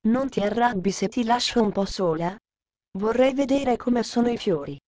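A woman's voice: a little high, expressive, moderate pace, mellow, dry recording, lightly acted. A woman reading as an eager little mountain girl. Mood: gentle.

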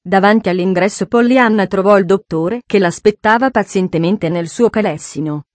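A woman narrating an audiobook in a measured, expressive storytelling voice. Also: mid-range voice, no room sound.

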